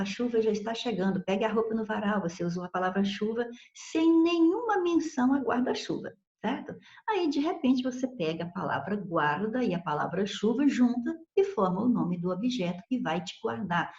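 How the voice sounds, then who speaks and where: A woman's voice: fairly high pitch, darkish tone, echoey room, highs cut off. A woman teaching grammar in a recorded video lesson, explaining patiently and checking in with "ok?" and "certo?".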